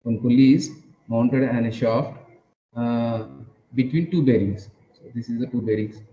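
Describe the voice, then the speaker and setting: A man lecturing an online engineering class, captured as a screen recording, talking haltingly with repeated phrases and "uh" fillers. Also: medium pitch. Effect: screen-recorded online class audio. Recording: dull lo-fi roomy sound with faint noise.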